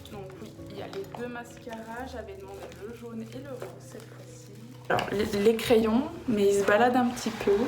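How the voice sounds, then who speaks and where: Chatty French woman in an echoey room. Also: mid-range voice. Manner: chatty, hesitant, many fillers. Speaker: beauty vlogger. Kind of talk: casual makeup haul chat. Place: home room with a cat nearby. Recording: echoey room with background noise.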